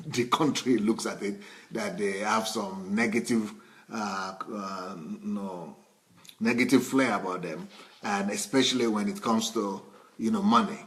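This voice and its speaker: Conversational Nigerian pastor, man. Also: on the low side. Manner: conversational, with frequent restarts and repeated words. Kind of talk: sermon.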